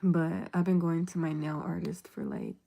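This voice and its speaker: A woman's voice: low-pitched, huge pitch swings, normal speed, creaky, mellow. A woman chatting casually on a livestream, laid-back and rambling, often dropping into a half-whisper. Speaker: livestream host.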